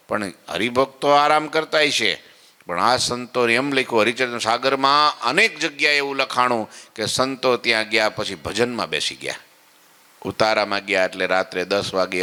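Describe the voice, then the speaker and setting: Swami, chatty sermon, bright pushy voice, long echo from the temple hall. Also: male voice, on the low side, clean tone. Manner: folksy and conversational, acting out devotees' complaints and asking "samajya?". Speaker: swami giving morning katha. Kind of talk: devotional sermon.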